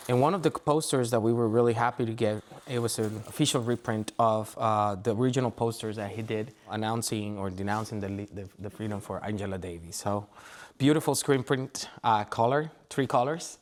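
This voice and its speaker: A man from Puerto Rico, a graphic designer, talking in a documentary interview in a relaxed, storytelling way with fillers. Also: mid-range voice, a little fast. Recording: music bed underneath.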